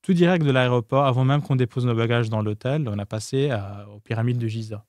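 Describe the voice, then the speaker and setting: A male podcast guest with a foreign accent in his non-native French, recorded close and dry. He talks candidly and casually, with frequent hesitations and rephrasing. His voice sits at an ordinary middle pitch for a man. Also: a little mellow, dry recording. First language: not French. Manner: hesitant, pausing and rephrasing often as a second-language speaker. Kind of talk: casual, candid interview talk.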